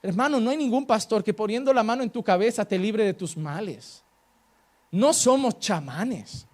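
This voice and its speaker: A man's voice: high voice, expressive, moderate pace, darkish tone. A pastor. He is emphatic and hammers single words again and again, slipping into the voices of the people he quotes. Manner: emphatic, repeats key words for effect, acts out quoted voices. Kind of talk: sermon.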